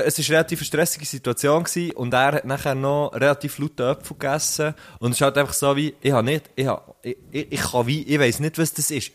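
Young Swiss German male co-host, casual rambling talker, mid-pitched. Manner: rambling, many restarts, swears. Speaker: podcast co-host, teacher. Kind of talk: casual chat.

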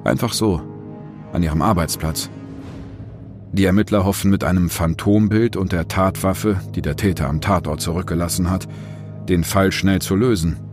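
A man's voice: deep voice, darkish tone. A man narrates a scripted true-crime story as host, with dramatic, suspenseful phrasing in short pointed sentences.

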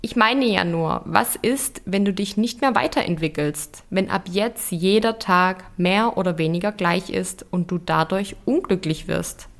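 A woman voicing Herbert, a pushy male companion who nags with probing questions, in a slow audio story. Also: mid-range voice, natural voice. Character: nagging blunt male companion.

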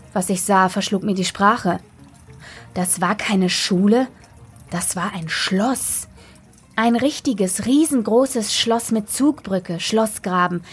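A woman narrating a children's story in the first person, expressive and lively. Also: mid-range voice, breathy edge. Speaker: audiobook reader. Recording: soft background music.

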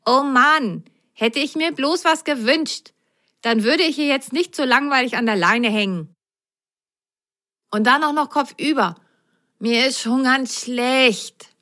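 A woman's voice: high voice, slow, pushed and bright, voice pushed up, exaggerated voice. A woman voicing a complaining sock on a clothesline who whines in a children's story. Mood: whiny. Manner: whining, complaining. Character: whiny sock hanging on a clothesline.

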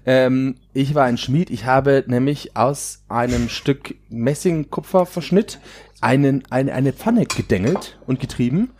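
A man's voice: medium pitch, a little slow, a little mellow, breathy edge. A man chatting casually while cooking with friends, telling a rambling, playful story.

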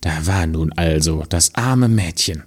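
A man reading a fairy tale aloud in a slow, expressive storytelling manner. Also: low-pitched, breathy edge.

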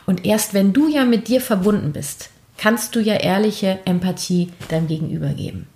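Woman coach, encouraging, often checks in with listener, middle pitch, roomy recording. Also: moderate pace, darkish tone. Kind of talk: advice conversation.

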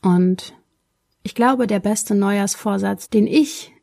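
Gentle, breathy woman telling a reflective story. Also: mid-range voice, slow pace. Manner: calm, gentle, addressing listeners directly. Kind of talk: reflective storytelling with guided pause.

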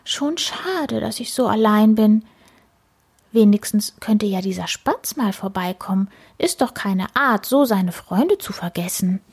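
A woman voicing a cheerful, lonely little male creature in a children's story, gushing and wistful in a raised, breathy voice. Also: mid-range voice, animated, unhurried.

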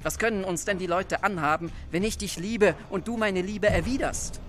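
A man's voice: sits high, moderate pace, a bit bright, faint music behind, pitched above the performer's own voice. A man voicing a proud, defiant young man who speaks earnestly and insistently.

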